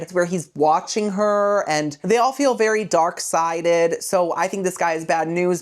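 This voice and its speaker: A woman hosting a comedic movie retelling podcast, full of sassy, rambling asides. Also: on the low side. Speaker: host.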